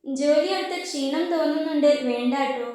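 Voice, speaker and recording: A woman voicing a fussing, doting middle-aged mother in a storybook tale, gently complaining, in a very echoey room. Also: high voice, moderate pace, faint music behind, close to an everyday voice.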